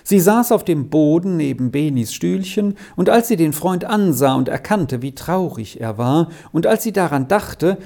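A man narrating a children's story in a calm, measured reading. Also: on the high side, gravelly. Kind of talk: audiobook narration.

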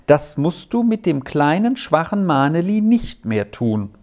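An earnest old grandmother from a storybook, speaking softly and thoughtfully as she admonishes, put on by a reader. Her voice moves lively in pitch, but she never hurries. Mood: gentle, admonishing. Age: over 60. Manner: soft, admonishing, slow and thoughtful. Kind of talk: storybook reading.

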